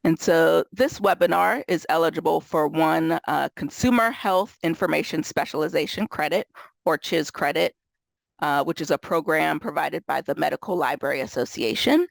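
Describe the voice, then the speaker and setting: A woman's voice: sits low, normal speed, gravelly, no room sound. A woman moderating a webinar, sounding nasal from a cold, talking casually with lots of fillers over a video call. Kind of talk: webinar housekeeping intro.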